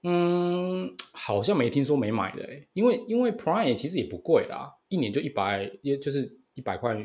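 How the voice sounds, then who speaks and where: A man in his thirties with a Taiwanese Mandarin accent, co-hosting a casual podcast in an animated, repetitive way that keeps seeking agreement. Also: mid-range voice, moderate pace. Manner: animated, repeats phrases, seeks agreement. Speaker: podcast co-host. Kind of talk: casual bantering podcast chat.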